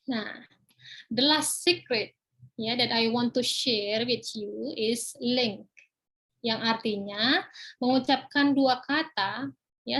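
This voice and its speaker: Teaching pronunciation in a webinar, this woman speaks on the high side with a fairly bright tone. She slips "ya" and "nah" into almost every phrase, slowing down to deliver her English examples.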